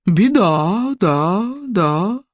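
A reader voicing a gloomy forest echo spirit in an audiobook fairy tale, booming and repeating word endings. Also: animated, drawn-out words.

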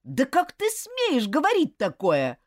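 A woman's voice: mid-range voice, huge pitch swings, moderate pace, no room sound, studio quality, pitched above the performer's own voice. A woman reading an audiobook, voicing a proud, hot-tempered schoolboy who talks in an indignant, clipped, scornful way.

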